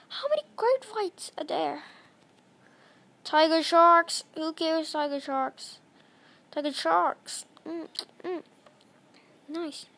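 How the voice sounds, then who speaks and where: A woman giving casual gameplay commentary, chatty and apologetic, breaking into excited shouts. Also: very high voice. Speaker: gaming channel host.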